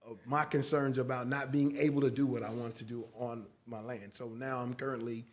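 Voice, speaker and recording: A man in his fifties speaking as a resident in public comment at a city council meeting, halting and restarting often. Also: medium pitch, level tone. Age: 50s. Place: council chamber.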